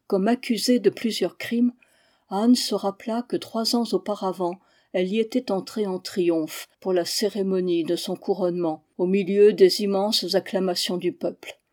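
A woman narrating a history book aloud in a measured, expressive reading voice. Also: medium pitch. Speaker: audiobook reader.

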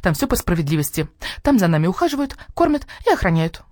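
A woman voicing a proud, naive hen who talks in a shrill, clucking way. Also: very animated, fast, darkish tone, no echo, studio quality.

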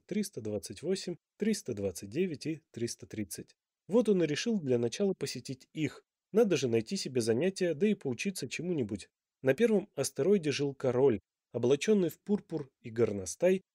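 A man narrating a children's tale in a calm, measured storytelling manner. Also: a little high, dry recording, clean studio sound. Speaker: audiobook narrator. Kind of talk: scripted narration.

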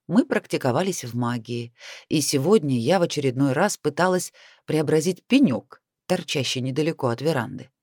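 A man narrating an audiobook in an even, steady reading voice. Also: on the high side, no echo, studio quality. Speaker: audiobook reader.

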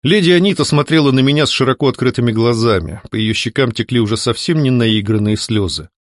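A man's voice: medium pitch, fast, no echo, studio quality. A man narrating a story in the first person, reading with expression. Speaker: audiobook reader. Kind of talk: scripted narration.

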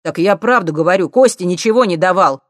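A woman reading an audiobook, voicing a panicky, whining young man who shouts and pleads. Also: fairly low pitch, lively intonation, brisk, dry recording, studio quality, voice pushed up, natural voice. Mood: defensive whining. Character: drug-dealing young man, whiny, panicky, loud.

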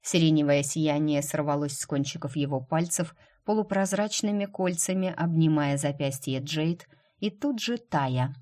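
A woman narrates a fantasy romance novel aloud in a steady, even manner. Her voice sits low for a woman. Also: normal speed. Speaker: audiobook reader. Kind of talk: scripted narration.

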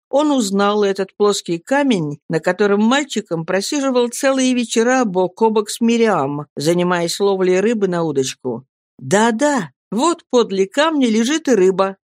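A woman narrating a historical novel in an even storytelling manner. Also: mid-range voice, no room sound, studio quality. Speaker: audiobook narrator. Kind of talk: scripted narration.

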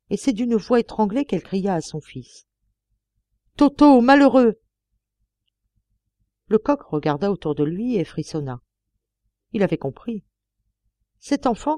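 A woman reading a novel aloud as an audiobook narrator, measured and expressive. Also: mid-range voice, dry recording. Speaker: audiobook reader. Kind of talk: scripted narration.

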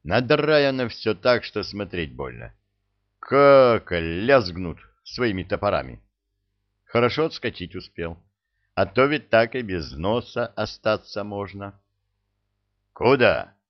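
A man with a low voice narrates a first-person tale. His delivery is wry and colloquial, with very lively swings in pitch, on a slightly dull recording. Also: unhurried. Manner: sardonic, expressive. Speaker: audiobook narrator.

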